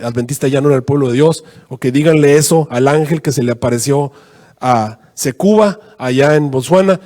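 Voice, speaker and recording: A man preaching a sermon as a pastor, telling a story with animated quoted voices and frequent fillers. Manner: animated, rising to high pitch in quoted prayers, many fillers "este". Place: church. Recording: long reverb in a church hall.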